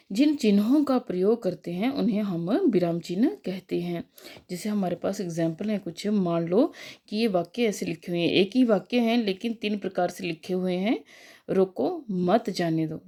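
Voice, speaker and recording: A young woman with a mellow, darker voice walks through a grammar lesson step by step. She talks patiently, often checking in with a quick "okay" and a filler before slowing down on her examples. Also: mid-range voice. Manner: patient, repeats "ठीक है" and "अ" fillers, slows on examples. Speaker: teacher. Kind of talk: explanatory Hindi grammar lesson.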